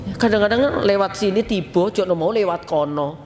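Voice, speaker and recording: Chatty Javanese-accented preacher in a hall. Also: male voice, sits high, fairly quick. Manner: lively, chatty, mixes in local slang, addresses congregation directly. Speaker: Islamic preacher. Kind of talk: casual storytelling sermon. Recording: long hall reverb, faint noise.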